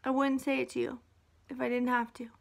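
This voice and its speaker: A woman giving a rambling, emotional monologue to her viewers from a half-unpacked house, sometimes dropping to a soft hush. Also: high-pitched, level tone, a little fast, gravelly.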